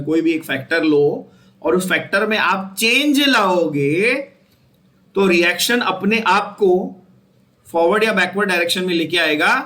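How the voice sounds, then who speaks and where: Man, chemistry teacher, high voice, asks the class questions, repeats key terms. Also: sharp tone. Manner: asks the students questions and repeats key terms, switching between Hindi and English. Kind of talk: classroom lecture.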